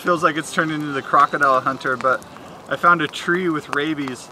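A man talking casually to a handheld camera outdoors, his voice sitting a little high for a man. He jokes and narrates as he walks around a rainy race course. Clear outdoor noise and passing traffic run under everything he says. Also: steady tone, brisk. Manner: chatty, jokey, narrating while walking. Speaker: filmmaker documenting a race. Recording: noisy outdoor ambience with traffic.

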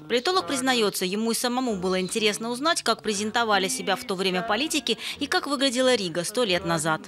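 A woman's voice: fairly high pitch, animated, fast talker, fairly bright tone. A woman reporter reading a scripted news voice-over.

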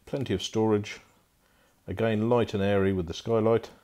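A man's voice: on the low side, fairly even intonation, normal speed, warm tone. A man giving a casual walkthrough tour of a barge interior as a boat broker, talking off the cuff with frequent fillers, recorded on a handheld phone inside wooden cabins.

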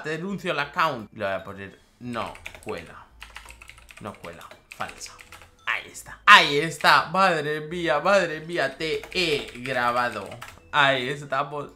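A young woman giving excitable, chatty gameplay commentary as a gaming YouTuber, repeating phrases and bursting into squeals and laughs. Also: a bass voice, measured pace.

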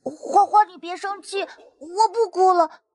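A woman's voice: high voice, extremely slow, dark tone, no echo, heavily acted. A woman voicing a timid little crybaby boy who pleads hesitantly in an audio drama.

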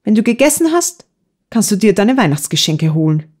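A woman's voice: mid-range voice, very animated, moderate pace, darkish tone, voice pushed up. A woman reading the lines of a lonely, embittered old lady who gives tired, curt orders in an audiobook. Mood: weary.

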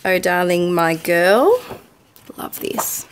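Aussie lady going through her craft haul, chatty and excited, lots of ums, bit of faint hiss. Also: lowish voice, slow pace. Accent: Australian. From Australia. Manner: chatty and enthusiastic, with frequent ums. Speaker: craft vlogger. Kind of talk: casual haul video.

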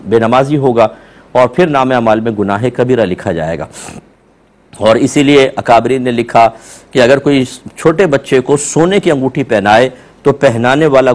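A man's voice: medium pitch, darkish tone. A male Islamic scholar with a sore throat, earnestly explaining religious rulings in answer to questions. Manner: earnest explanatory tone, voice jumps up when quoting people. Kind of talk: religious Q&A talk.

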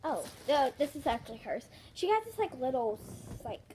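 A woman's voice: sits high, big pitch swings, moderate pace, a little mellow. A young girl hosting a casual haul video from her bedroom, filmed on a phone held close, chatty and giggly. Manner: chatty, giggly, restarts often. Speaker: vlog host. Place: small bedroom indoors. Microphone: handheld phone camera close up. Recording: noisy home phone recording.

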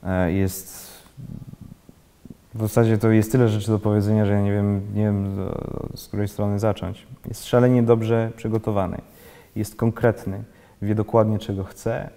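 Low gravelly-voiced man, halting speech. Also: level tone, warm tone, in a large hall. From Switzerland. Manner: halting, searching for words, many restarts. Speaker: actor, guest. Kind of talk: casual interview talk. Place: indoor library room with bookshelves, seated in armchair.

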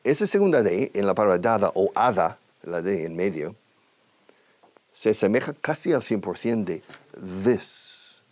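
A man teaching English on television, speaking Spanish with an English-speaking accent and drilling words slowly with emphatic, repeated examples. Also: on the low side, big pitch swings, darkish tone, no room sound. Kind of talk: televised language lesson. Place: TV studio.

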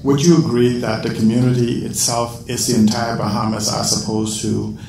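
A man from the audience asking a measured question from the floor during a talk. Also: mid-range voice, level tone, creaky, darkish tone, slight background noise. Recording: distant voice in an echoey hall.

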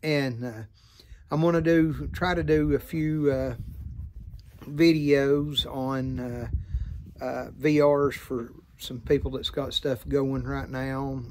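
A man in his fifties with an American Southern accent, chatting to camera in an unhurried, folksy, rambling way. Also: medium pitch, fairly even intonation, darkish tone, a little hiss or hum. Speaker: vlogger and hobby pipe maker. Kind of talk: casual chat to camera. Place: outdoors by a farm field.

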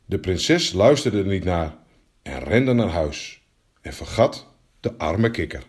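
A man reading a fairy tale aloud in an expressive, animated storytelling manner. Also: sits low, slow pace.

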